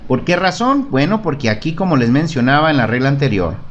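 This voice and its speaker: Lively-voiced male English teacher. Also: medium pitch, lo-fi sound, a little hiss or hum. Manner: patient, repeats and checks with "¿De acuerdo?"; models English phrases slowly for repetition. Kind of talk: online language lesson.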